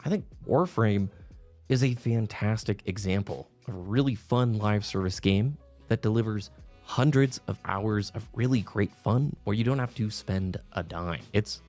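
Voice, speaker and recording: A man's voice: on the low side, normal speed, darkish tone. A man giving earnest, reflective opinion commentary to viewers, speaking with emphasis. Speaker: video game commentator. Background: background music.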